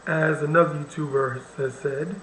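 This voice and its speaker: A man's voice: fairly high pitch, steady tone, normal speed, fairly bright tone, echoey room, slight background noise, rough recording. A man hosting a reaction video, commenting bluntly and with wry irritation on the clip he plays. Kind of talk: casual commentary over a played video.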